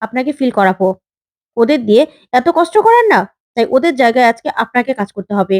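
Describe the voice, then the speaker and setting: A bold young woman who stands up to her boss and lectures her firmly, as a woman narrator puts her on. The voice is high and the sound is close and dry. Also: lively intonation, fast talker, darkish tone, no room sound, natural voice. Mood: defiant. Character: bold young woman worker, defiant and firm.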